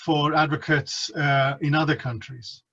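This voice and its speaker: A man's voice: on the high side, level tone, measured pace, creaky, sharp tone. A man moderating a panel question session over an online call with lo-fi sound. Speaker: webinar moderator. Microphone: video call. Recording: dull, lo-fi online call audio.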